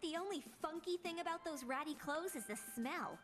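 A woman's voice: high voice, fairly quick, natural voice. An actress playing a sensible, sarcastic teenage girl. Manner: dry, skeptical remarks. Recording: cartoon soundtrack with music.

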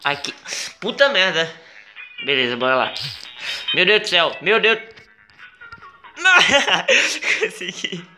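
A man with a Brazilian accent doing gameplay commentary, exclaiming, swearing and pleading at the game, with sudden high yelps. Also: animated, normal speed, pauses often, bright, forceful tone, faint music behind. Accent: Brazilian Portuguese. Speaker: gaming video creator.

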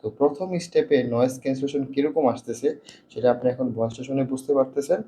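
A man talks quickly and mellowly, demonstrating a product step by step indoors. His voice passes through noise-cancelling processing that leaves audible noise reduction artifacts, with a faint hum of background noise underneath. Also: mid-range voice, steady tone, warm tone. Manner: explains step by step with fast, repetitive phrasing. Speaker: tech reviewer. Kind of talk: product demo.

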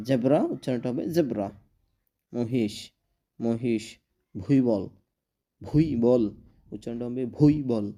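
A young man teaching a vocabulary lesson, saying each word slowly and repeating it several times. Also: mid-range voice, dark tone, slight background noise. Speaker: language teacher.

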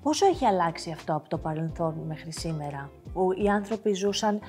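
A woman's voice: lowish voice, dark tone, faint music behind. A woman hosting a TV talk show, curiously asking her guest follow-up questions. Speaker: TV show host.

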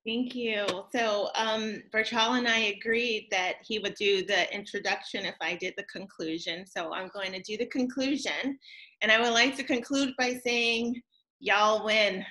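A woman in her forties, a professor telling a story in a conversational, deliberate speech over a video call. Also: on the high side, steady tone, pushed and bright, low-quality recording. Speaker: law school professor giving closing remarks. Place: indoors on a group video call.

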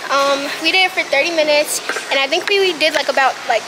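Chatty high-voiced teen girl vlogging. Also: fast talker, noisy background. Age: teens. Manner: chatty, lots of fillers, slangy. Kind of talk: casual vlog chat. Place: kitchen, then street and gym. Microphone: handheld camera at arm's length.

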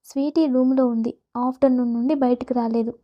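A woman's voice: high voice, fairly even intonation, fairly quick, lo-fi sound, natural voice. A woman voicing a humble middle-aged mother who speaks hesitantly and politely.

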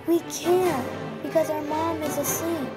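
Woman doing a high-voiced, indignant young daughter over loud music. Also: fairly even intonation, measured pace. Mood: whiny. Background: loud background music.

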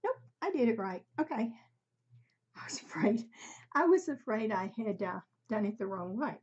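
An older woman with a husky, breathy voice, giving a casual, halting craft demonstration at home in her craft room. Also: fairly high pitch, big pitch swings, a little mellow. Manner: halting, unhurried, conversational. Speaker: craft tutorial host. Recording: slightly dull, muffled sound.

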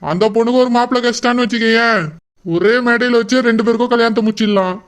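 A man's voice: very high-pitched, fairly even intonation, rapid-fire, fairly bright tone, smooth. A man voicing a fretful cartoon father. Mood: worried. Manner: fretful muttering to himself. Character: worried middle-aged father fretting over daughters' weddings. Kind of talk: cartoon voice acting.

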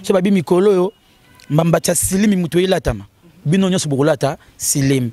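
A man giving an animated, casual interview, his voice jumping higher when he gets excited. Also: brisk. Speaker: interview guest. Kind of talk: casual interview talk in Lingala and French.

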